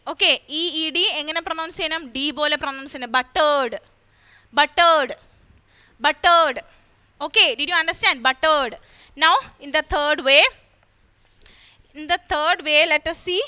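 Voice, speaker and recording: Malayali lady teacher, high bright voice, goes slow and repeats stuff for the kids. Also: steady tone. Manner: explains step by step, repeats key words, quizzes the listener. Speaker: school English teacher. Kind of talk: classroom lesson for children.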